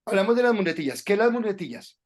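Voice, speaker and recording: A man's voice: high voice, sing-song, fast talker. A man teaching a class on preaching, giving direct instructions to the students with frequent hesitations. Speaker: preaching instructor at a Bible school. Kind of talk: classroom lecture on sermon delivery.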